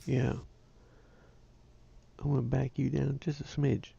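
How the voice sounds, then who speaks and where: A man's voice: medium pitch, level tone, unhurried, gravelly, mellow, breathy edge, dull audio. A man, hosting a ham radio livestream in a casual, rambling, self-deprecating way. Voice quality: nasal. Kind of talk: casual chat.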